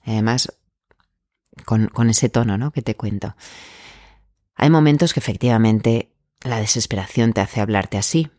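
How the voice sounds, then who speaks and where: Calm guy coaching about anxiety, gentle encouraging tone, dry room. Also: on the low side, normal speed, pauses often, no echo. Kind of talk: calm self-help advice talk.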